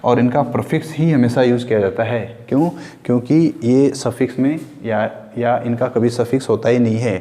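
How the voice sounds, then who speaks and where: A man's voice: mid-range voice, steady tone, normal speed, mellow, in a large hall. A male chemistry teacher with an Indian accent, explaining a lecture step by step, asking questions and answering them himself, mixing English terms into Hindi. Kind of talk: classroom lecture.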